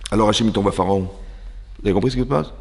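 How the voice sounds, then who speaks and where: Animated rabbi teaching in a reverberant hall. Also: male voice, lowish voice, fast talker, vocal fry, husky. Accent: French. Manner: animated, asks the class rhetorical questions. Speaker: rabbi teaching a women's class. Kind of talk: religious lesson. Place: seminary classroom.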